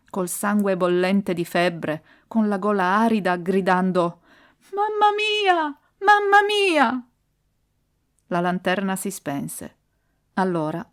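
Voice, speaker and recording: A woman narrating a classic short story as an audiobook, reading it expressively and dramatically. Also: lowish voice. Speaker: audiobook reader. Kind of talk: scripted narration.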